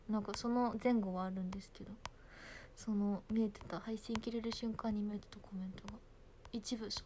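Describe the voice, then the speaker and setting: A woman's voice: a little high, background noise. Giggly young woman chatting on a livestream. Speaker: idol livestreaming to fans. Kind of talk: casual livestream chat.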